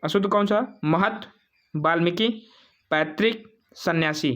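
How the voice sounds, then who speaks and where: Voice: medium pitch, a little slow, fairly bright tone. A teacher walking through exam spelling questions, asking the viewers and then answering, repeating each word several times. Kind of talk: exam-prep quiz walkthrough.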